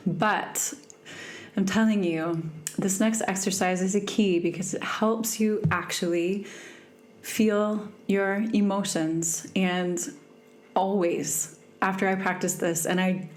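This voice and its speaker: A young adult woman hosting a podcast, talking earnestly and reflectively about emotions in a casual way, often checking in with "right?". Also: medium pitch. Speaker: podcast host. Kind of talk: casual self-help talk.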